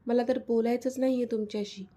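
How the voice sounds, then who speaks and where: A woman's voice: fairly high pitch, fairly even intonation, fast, dark tone, natural voice. A woman voicing a pouting, tearful young woman in a storybook love story. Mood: sulky. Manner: pouting, pleading.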